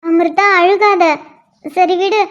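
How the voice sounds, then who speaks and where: A gentle cartoon schoolgirl, as a woman puts her on, who pleads softly and soothes her friend. Her voice is high and soft. The audio is muffled and lo-fi. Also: steady tone, takes it slowly, exaggerated voice. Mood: soothing. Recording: dull lo-fi audio.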